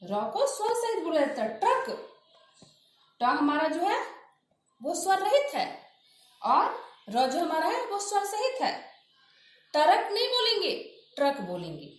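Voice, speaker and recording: A woman teaching a grammar lesson, slowly drilling pronunciation by repeating example words. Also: extremely high pitch, huge pitch swings. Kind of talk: classroom lesson with spoken examples. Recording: very echoey room.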